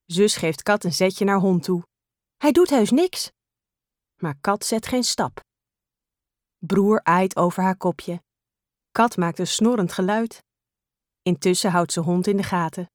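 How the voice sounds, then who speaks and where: A woman narrating a children's storybook in an expressive, animated way. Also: on the low side, measured pace, pauses often, no echo, clean studio sound. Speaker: storybook reader.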